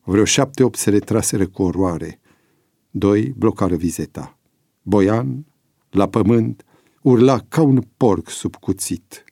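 A man narrating a prison story as an audiobook in a measured, dramatic manner. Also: lowish voice, creaky, mellow, dry recording, studio quality.

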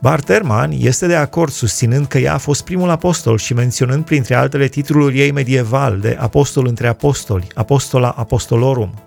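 A man reading Bible passages aloud and explaining them in a measured way, citing chapter and verse. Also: medium pitch, creaky, music in the background. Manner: measured reading with scripture references. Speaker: Bible teacher.

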